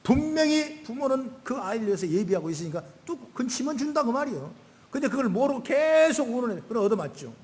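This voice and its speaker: A man's voice: sing-song, fast talker. Older male pastor preaching in a reverberant church. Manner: preaching with swings between loud emphatic calls and soft low asides. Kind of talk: sermon. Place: church sanctuary. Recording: long hall reverb.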